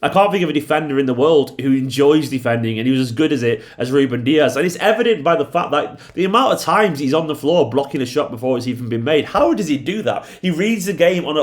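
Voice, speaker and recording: A man with a slightly high voice hosts a YouTube football fan channel. He talks casually, heaping on emphatic, hyperbolic praise and repeating superlatives.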